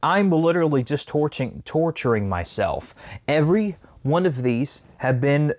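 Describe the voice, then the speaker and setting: A man's voice: fairly high pitch, expressive, measured pace, a little mellow. A man talking casually to camera as a food challenge vlogger while eating sour candy.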